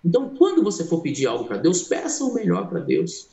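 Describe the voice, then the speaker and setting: Preacher guy telling his testimony, fairly high voice, acts out all the people, lots of church echo. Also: huge pitch swings, fairly quick, creaky, mellow. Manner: dramatic storytelling, acting out the people in his story; addresses listeners as brothers. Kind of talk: sermon testimony.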